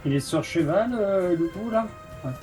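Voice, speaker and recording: A man with a slightly high voice talks casually as a co-player in a game. His voice chat sits over clearly audible game music. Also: animated, normal speed. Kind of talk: casual chat while gaming. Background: video game battle music.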